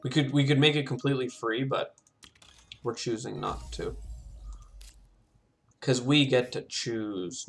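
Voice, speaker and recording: A man commenting casually on his own game as he plays, thinking aloud and talking himself through each choice. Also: medium pitch. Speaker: gameplay commentator. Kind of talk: casual let's-play commentary.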